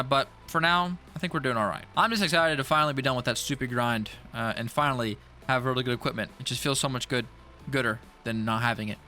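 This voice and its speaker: A man's voice: mid-range voice, bright, forceful tone. A young man giving casual gameplay commentary, rambling and stuttering, jittery from an energy drink. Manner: rambling, stuttery, self-talk with repeated words. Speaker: gaming YouTuber.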